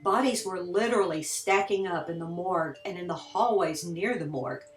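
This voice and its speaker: A woman's voice: lowish voice, normal speed, distant mic, faint music behind. Kentucky woman guiding a tour in an echoing hall. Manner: conversational, explanatory. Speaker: tour guide. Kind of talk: on-site tour narration. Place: large empty historic building, indoors.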